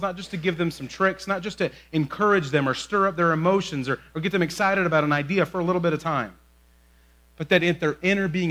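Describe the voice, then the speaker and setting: A young adult man preaching a sermon in a conversational way, often asking "right?", moving between quick asides and slow, drawn-out emphasis. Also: high-pitched, bright, forceful tone. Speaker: pastor.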